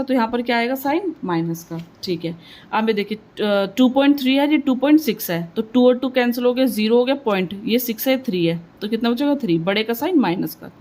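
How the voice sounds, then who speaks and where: A woman with a fairly high voice teaching maths, talking herself through each calculation. She keeps asking little questions and answering them right away, dropping English words into her explanation. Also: a little mellow, low-quality recording. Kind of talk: step-by-step maths lesson.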